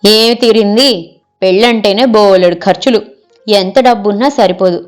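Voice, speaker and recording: A woman's voice: mid-range voice, moderate pace, soft background music, close to an everyday voice. A woman reading the part of a picky middle-aged wife in an audio story, scolding and rejecting every suggestion.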